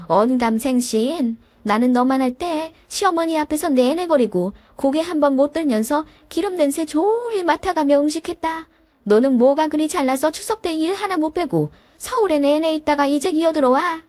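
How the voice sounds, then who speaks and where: A woman's voice: high voice, a little mellow, no room sound. Woman doing a scolding older mother-in-law. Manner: scornful, berating.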